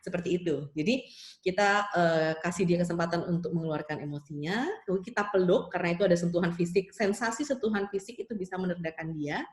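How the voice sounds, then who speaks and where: A woman's voice: fairly low pitch, quick pace, darkish tone, echoey room. A woman child psychologist answering a question in an online seminar. She explains step by step, uses many tag fillers and acts out soothing lines a parent might say. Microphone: video call.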